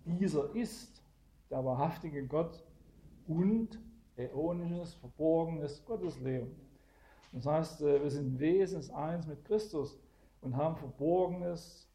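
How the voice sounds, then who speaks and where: Guy going through bible verses w a small group, keeps saying gell, really dark mellow tone. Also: a little high, takes it slowly. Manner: explains verse by verse, often adds "gell?". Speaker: preacher.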